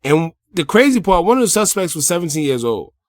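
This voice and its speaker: A man with an American accent hosts a hip-hop news commentary channel online, recapping the news and adding casual, blunt personal opinions while speaking colloquially and directly to viewers. His voice is a little high, very animated and a little fast, with no echo.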